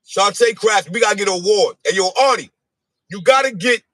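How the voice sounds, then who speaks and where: A man in a casual livestream chat, taunting in an animated, sing-song way. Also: sits high, a little fast, no room sound. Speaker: podcast guest. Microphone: phone livestream.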